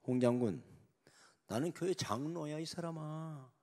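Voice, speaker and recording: A man's voice: fairly high pitch, a little slow, warm tone, voice pushed up. A man voicing an angry middle-aged army general who scornfully scolds and insults a subordinate. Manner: contemptuous, name-calling, rough scolding.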